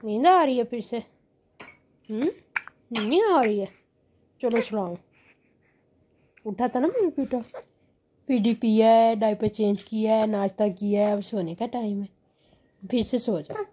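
A young mother vlogging at home, coaxing her babies in soft baby talk and calmly explaining their routine. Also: fairly high pitch, a little slow, long pauses, breathy edge. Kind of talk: casual home vlog. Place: at home, indoors and in a sunny yard.

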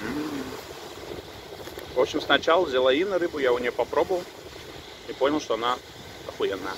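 A man's voice: mid-range voice, normal speed. A man chatting casually as a vlogger while chewing food, recorded outdoors by the sea. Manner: relaxed, chatty, swears casually. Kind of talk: casual mukbang vlog. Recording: outdoor wind and sea noise.

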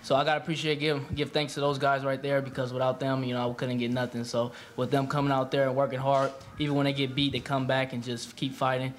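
A young man, a senior college football player, answering questions at a post-game press conference in a relaxed, casual way. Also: medium pitch, quick pace, few pauses. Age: young adult. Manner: relaxed, flat delivery with casual slang. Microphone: table mic.

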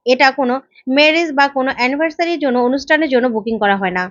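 Jittery polite hotel manager, read by a woman, high voice, dull sound. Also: quick pace, a bit bright, no room sound. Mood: defensive. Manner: polite, defensive. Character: nervous resort manager, defensive then fearful.

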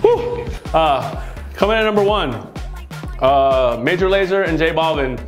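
A man in his thirties chatting casually in halting, complaining exclamations, his mouth burning from spicy food. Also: on the high side, animated. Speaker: guest contestant in a hot sauce challenge. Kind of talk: casual chat while eating spicy wings. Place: studio set, indoors. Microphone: lapel mic. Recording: echoey studio room with music behind.

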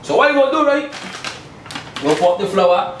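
The home cook host speaks briskly in a high, expressive voice, chatty and playful as he cooks and adds "you check?" to his lines. His small indoor kitchen is captured from a distance by a camera mic, sounding roomy with slight background noise.

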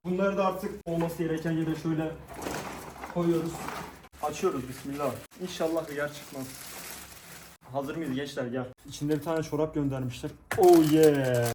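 A man's voice: fairly high pitch, fairly even intonation, normal speed, roomy sound, background noise. Chatty young man unboxing. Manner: chatty, jokey, addresses viewers. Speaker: vlogger. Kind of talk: casual unboxing vlog.

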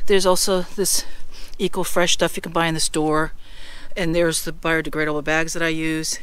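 A woman's voice: low voice, level tone, normal speed, fairly bright tone, smooth, no echo. A middle-aged woman vlogging from her car, casually showing and explaining her gear in a chatty, practical way with frequent ums and restarts. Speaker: van life vlogger. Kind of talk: casual show-and-tell demonstration. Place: inside a parked car.

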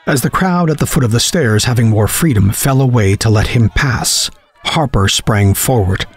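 A man narrating a horror story, reading in a measured, dramatic way. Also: medium pitch, husky, some chatter behind.

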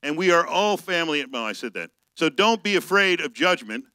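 A male pastor giving a conversational sermon, reading scripture slowly and telling personal stories. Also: a little high, sing-song, sharp tone, no room sound, low-quality recording.

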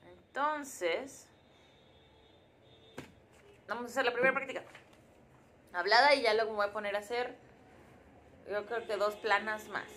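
A young woman, sounding out syllables slowly and musing aloud during a casual live study session. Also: on the high side, a bit bright, a little hiss or hum. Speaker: language learner streaming her study session.

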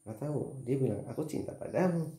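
A man's voice: medium pitch, lively intonation, fairly quick, mellow. A man filming a casual family vlog, teasing his crying daughter in a playful way and laughing often at home.

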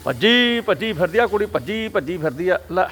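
A man's voice: sits high, expressive, normal speed. An older man with an Indian Punjabi accent chatting casually with a small child, teasing and repeating his phrases. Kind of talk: casual home chat. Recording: faint background noise.

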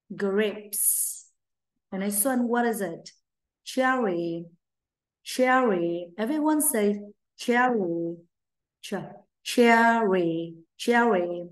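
Woman, Vietnamese accent, English teacher, slow drawn-out model words, echoey room. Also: medium pitch. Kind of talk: children's English vocabulary lesson.

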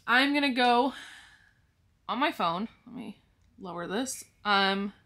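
Speaking slowly in a fairly high, animated voice with a sharp tone, a woman vlogs about her budget. She walks viewers casually through each step and counts money aloud as she goes.

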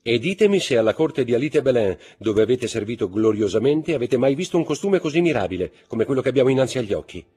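A man reading aloud and voicing a vain, curious middle-aged baroness who presses for gossip in a raised, quick voice. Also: medium pitch, lively intonation, dark tone, slightly rough, voice pushed up. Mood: insistent, gushing.

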